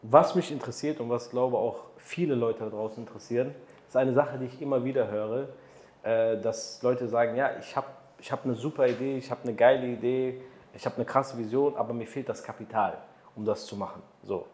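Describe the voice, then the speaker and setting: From a reverberant studio overlooking the city, a male podcast host in his thirties leads an interview conversation, posing questions and emphatically pushing motivational ideas. He talks briskly into a boom-arm desk mic, his mid-range voice a little mellow with fairly even intonation.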